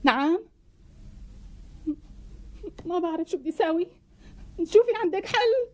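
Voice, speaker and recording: A flustered young doctor, Syrian accent, pleading, very high voice, TV comedy. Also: female voice, expressive, measured pace, a little mellow. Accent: Syrian Arabic. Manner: fretful, pleading. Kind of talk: TV sitcom acting.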